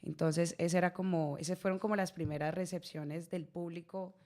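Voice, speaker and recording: With a dark, low-leaning voice and fairly even intonation, a Colombian actress in her thirties speaks at a moderate pace during a radio studio interview. Her Colombian accent comes through as she tells her story, laughing often and repeating words.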